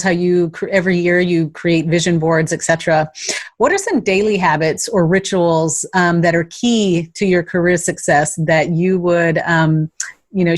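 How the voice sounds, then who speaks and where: A woman's voice: fairly low pitch, dry recording, studio quality. A woman hosting a podcast interview, encouraging her guest and asking questions. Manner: encouraging, frequent short affirmations. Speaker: podcast host.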